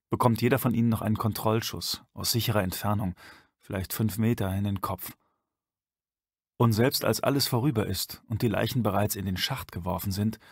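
A man reading a dark science-fiction audiobook aloud in a measured way. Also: on the low side, creaky, husky, dry recording, clean studio sound. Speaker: audiobook narrator. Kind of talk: scripted narration.

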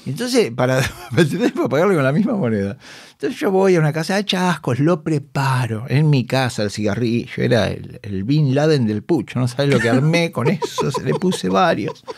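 A man's voice: mid-range voice, moderate pace, creaky, dry recording. An actor and comedian with a Rioplatense Spanish accent, telling backstage anecdotes in a casual podcast chat, acting out his colleagues' voices. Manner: animated, acts out voices of colleagues, laughs often. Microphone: studio microphone.

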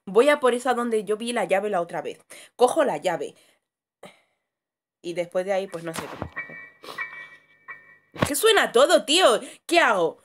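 A woman's voice: medium pitch, big pitch swings, moderate pace, long pauses. A woman casually commentating a horror game, swearing a lot, muttering under her breath and screaming when startled. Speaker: gamer streamer.

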